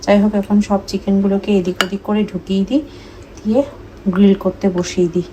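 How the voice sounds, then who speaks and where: A woman's voice: medium pitch, flat delivery, fairly quick, warm tone, a little hiss or hum. A woman in her thirties with a Bengali accent, chatting casually to viewers about her day while cooking. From India. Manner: chatty, talks to viewers while cooking, mixes in English words. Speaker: family vlogger. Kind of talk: casual vlog narration.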